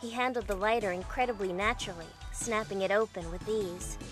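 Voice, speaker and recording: Over background music, a woman speaks a little fast at medium pitch, close to her everyday voice. She plays a bewildered young heroine in an amateur visual novel fandub, narrating her own story in the first person with an introspective mood.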